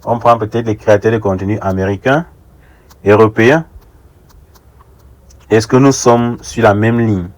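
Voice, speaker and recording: Sharing his views in a monologue, a young adult man from Africa sounds earnest and deliberate as he repeats phrases for emphasis. This online commentator's voice is on the low side and steady in tone.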